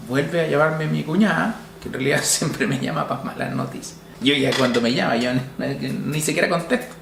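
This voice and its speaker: A middle-aged man with a Chilean accent tells his story as a father, slow and reflective, with pauses and restarts. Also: on the high side, creaky, echoey room, a little hiss or hum. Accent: Chilean Spanish. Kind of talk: personal testimony.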